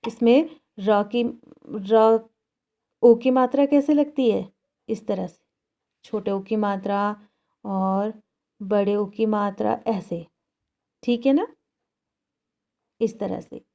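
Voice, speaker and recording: Slow, patient woman teacher. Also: medium pitch, creaky, dark tone. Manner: slow, patient, repeats words for pupils. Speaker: school teacher. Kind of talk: Hindi grammar lesson for children. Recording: dull, lo-fi classroom recording.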